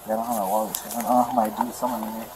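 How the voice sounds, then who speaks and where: A man's voice: lowish voice, level tone, rapid-fire. A man in his thirties sitting in a car outdoors, talking loosely with lots of fillers and repeated phrases, picked up on an officer's body camera. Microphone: officer's body-worn camera. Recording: bodycam audio, loud background noise.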